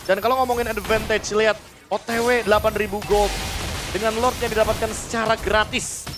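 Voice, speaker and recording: A high-voiced Indonesian man works as an esports caster, breaking down the game analytically. Music runs clearly behind his commentary. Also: steady tone, a little fast.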